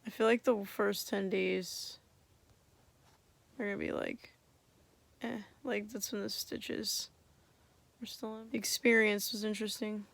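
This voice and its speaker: A woman's voice: medium pitch, steady tone, a little slow, gravelly, pauses often, fairly bright tone. A young woman chatting casually and candidly after wisdom teeth removal, drowsy, with a swollen mouth and a lisp. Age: young adult. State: tired, drowsy from medication. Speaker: vlogger. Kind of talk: casual chat.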